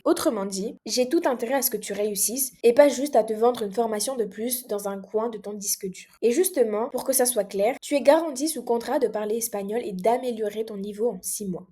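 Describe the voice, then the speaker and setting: A young woman from Mayotte, a language coach, speaking straight to the viewer in a persuasive pitch video. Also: dark tone. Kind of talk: direct-to-camera pitch video.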